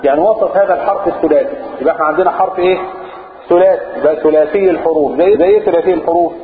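A man with an Egyptian Arabic accent teaching Quran recitation rules, chanting the verses slowly and quizzing his students between quick explanations. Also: on the high side. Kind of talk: explaining tajweed rules in a lesson. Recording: echoey room over a tinny phone-like line.

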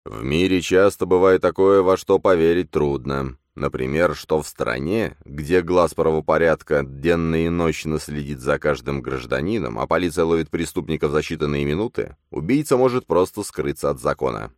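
A man's voice: extremely low pitch, normal speed, few pauses, no room sound, clean studio sound. A man voicing a sly, scheming sect priest who speaks in a coaxing, unctuous way. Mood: persuasive. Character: sly middle-aged male sect priest, smooth and scheming.

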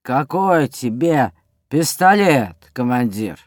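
A man's voice: medium pitch, lively intonation, drawn-out words, clean tone, no room sound, studio quality. An actor playing a lazy mustached kiosk seller in a children's story, who drawls his words and teases in sing-song rhymes. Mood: teasing. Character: lazy mustached kiosk seller, middle-aged man, rhyming joker.

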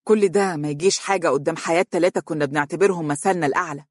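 A gentle young man with an Egyptian accent, voiced by an audiobook narrator. He speaks softly and quietly, in a dry close recording. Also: a little high, fairly even intonation, rapid-fire, no room sound, lightly acted. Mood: subdued. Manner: soft, subdued.

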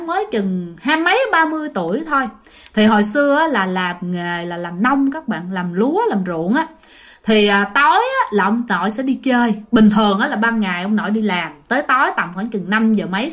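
A woman with a slightly high, somewhat bright voice narrates her listeners' ghost stories for her ghost story channel. She keeps it casual and chatty, with many fillers, addressing her audience directly.

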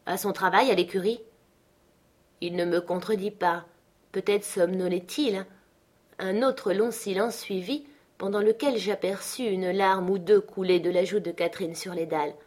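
A woman narrating a literary audiobook in measured, clear storytelling. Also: mid-range voice, steady tone, darkish tone.

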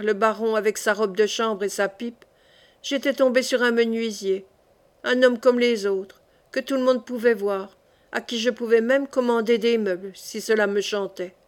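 A woman reads a fantasy short story aloud as audiobook narration. Her delivery is measured and deliberate. Her voice sits slightly high. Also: steady tone. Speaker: audiobook reader.

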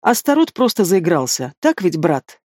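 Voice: medium pitch, sing-song, moderate pace, a little mellow, no room sound. Winged demon prince, protective and sure of himself, as a reader plays him, dry close sound. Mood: assured. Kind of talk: audiobook character voice.

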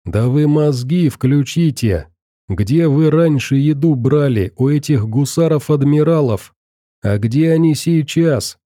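A man's voice: fairly high pitch, expressive, measured pace, dark tone, no room sound, clean studio sound. A man voicing an earnest young metro survivor who talks insistently to a group of captives, in an audiobook.

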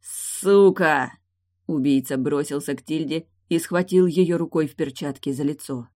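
Woman reading an audiobook, deep voice, steady narration. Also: moderate pace. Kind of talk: scripted narration.

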